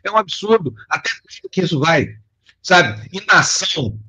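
A man's voice: high voice, expressive, moderate pace, pushed and bright, husky. A man with a Brazilian accent giving indignant political commentary over a video call, his audio choppy and breaking up like a buffering stream. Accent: Brazilian Portuguese. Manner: indignant, emphatic, repeats words for stress. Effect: choppy, breaking-up internet audio. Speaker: political commentator on a web show. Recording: dull, lo-fi internet call audio.

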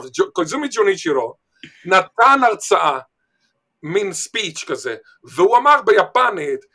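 Israeli guy, kinda high sharp voice, telling stories in a discussion, repeats himself for emphasis. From Israel, Eilat. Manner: emphatic, repeats words and phrases. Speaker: panel speaker on language. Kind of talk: animated discussion with anecdotes and quotes.

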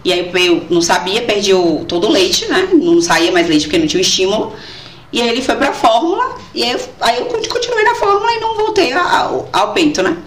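Animated woman telling her story, roomy sound. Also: medium pitch, fast, a little hiss or hum. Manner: animated and expressive, acts out quoted voices. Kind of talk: casual conversation, personal storytelling. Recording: roomy echo.

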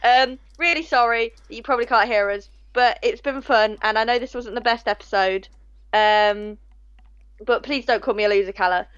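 A woman's voice: a little high, fairly even intonation, moderate pace, a bit bright, smooth, no echo, muffled recording. A young woman co-hosting a podcast, chatting casually in a silly, self-deprecating, rambling way. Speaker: podcast co-host. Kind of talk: casual chat.

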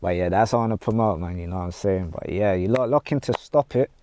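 A man's voice: low-pitched, quick pace, a little mellow, no room sound. A man with a London roadman accent, chatting casually as a podcast guest in heavy street slang full of tag phrases. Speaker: podcast guest, music artist.

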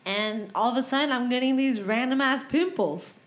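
A woman's voice: on the high side, moderate pace, a little hiss or hum. Chatty woman in her thirties. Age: 30s. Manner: chatty, laughing, exclaims when excited. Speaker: podcast co-host. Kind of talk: casual chat.

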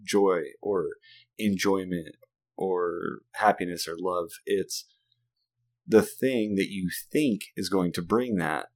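A man in his thirties with a very deep, low voice tells a story about his young son in relaxed conversation. He laughs easily and swears casually. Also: slow. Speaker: father telling a story. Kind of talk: casual podcast chat.

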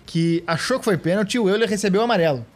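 A man's voice: sits high, racing. A Brazilian man hosting a casual podcast, recapping an old football match with joking, sarcastic asides. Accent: Brazilian Portuguese.

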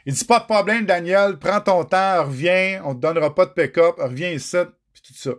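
Directly addressing the viewers, a middle-aged Quebec French-accented man recounts his life in a raw and emotional monologue peppered with curses. His voice is high-pitched and his pace moderate.

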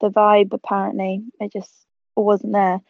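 A woman's voice: medium pitch, completely flat delivery, a little slow, vocal fry, dry recording. A woman in her twenties, originally from South Africa, chatting casually as an interview guest and laughing easily. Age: 20s. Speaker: guest photographer. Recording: tinny phone-like line.

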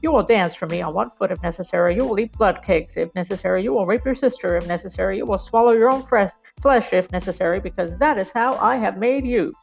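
A bitter, wounded man with a clubbed foot rants feverishly, as a woman reads him aloud, his voice loud, raised and gravelly, racing in bursts. The sound is husky and rough throughout, with faint music underneath. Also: medium pitch, fast, few pauses, rough recording. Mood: raving. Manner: feverish, ranting monologue full of violent images. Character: wounded, club-footed man, bitter and raving.

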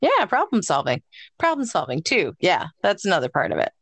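A woman co-hosting a casual podcast chat, speaking in a gentle, encouraging and thoughtful way. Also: on the low side, wildly swooping pitch, a little fast, husky, no room sound. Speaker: podcast co-host.

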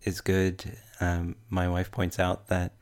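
A man with a broad Kiwi accent speaks in a low, very flat voice. He talks as a panelist in a casual tech discussion, measured and halting as he works through his thoughts. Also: clear, resonant tone. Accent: New Zealand. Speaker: podcast panelist.

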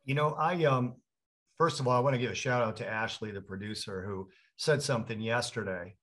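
A man co-hosting a casual podcast chat, an animated storyteller who acts out quotes in other voices. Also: mid-range voice, brisk. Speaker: co-host.

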